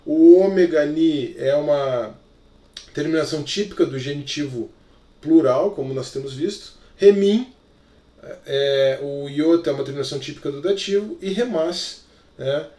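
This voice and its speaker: There's a dark tone to this Greek teacher's somewhat high voice, and he moves at a normal speed. With a Brazilian Portuguese accent, he gives an explanatory recorded lesson full of small check-in fillers, his voice distant and echoing around the room.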